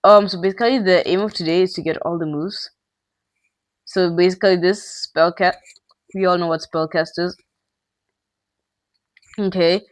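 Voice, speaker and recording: A male gaming channel host giving excitable, slangy live gameplay commentary with quick outbursts. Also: high voice, no room sound.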